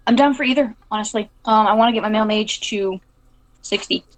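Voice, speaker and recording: A woman's voice: mid-range voice, fast, poor audio. A woman playing a tabletop game over voice chat, thinking aloud in a casual way and swearing when flustered.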